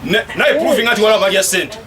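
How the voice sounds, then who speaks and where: High-voiced man, off-mic, crowd noise. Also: animated, very fast, recorded from a distance. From Uganda. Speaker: municipal councillor. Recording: voice from afar, noisy crowd.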